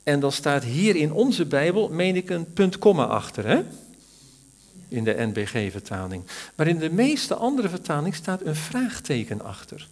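A man's voice: fairly high pitch, big pitch swings, moderate pace. A man teaching from the Bible in a sermon, thoughtful and searching for words, rising to stress key words.

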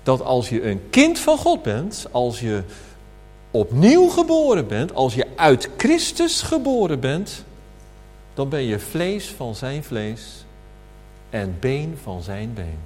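A man preaching a sermon at a communion service, slow and emphatic, asking rhetorical questions. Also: mid-range voice, huge pitch swings. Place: church hall. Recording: reverberant hall with faint hum.

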